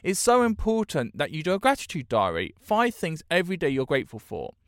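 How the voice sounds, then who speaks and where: A man's voice: a little high, huge pitch swings, fairly quick, no echo, clean studio sound. A British man hosting a podcast, speaking in an earnest, encouraging self-help manner. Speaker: podcast host. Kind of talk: podcast monologue introduction.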